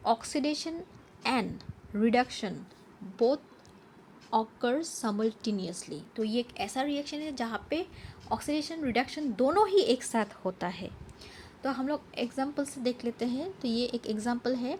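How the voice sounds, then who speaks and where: A woman's voice: on the high side, a little mellow, slight background noise. Woman teaching, quizzing herself. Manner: switches between Hindi and English, reading English definitions slowly; asks herself questions and answers them. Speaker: science teacher. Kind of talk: slide-based lesson explanation.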